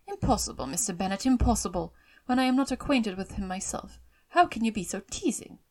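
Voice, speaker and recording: A woman voicing a fretful, self-pitying, excitable middle-aged mother in an audiobook of a classic novel, with emphatic, complaining delivery. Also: mid-range voice, a little fast. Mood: exasperated.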